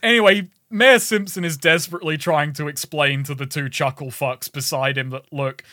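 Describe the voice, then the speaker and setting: High bright-voiced man telling a story. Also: a little fast, no room sound, studio quality. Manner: animated storytelling, swears a lot, laughs often. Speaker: podcast co-host. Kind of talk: casual gaming podcast chat.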